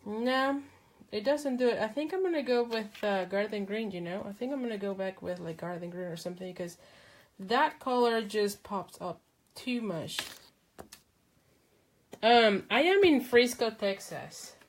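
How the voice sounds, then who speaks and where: Her medium-pitched voice has lively intonation and a slightly slow pace. She's a crafting host from Mexico and a native speaker, running a live demo where she chats, thinks aloud while working, says um a lot, and replies to viewer comments.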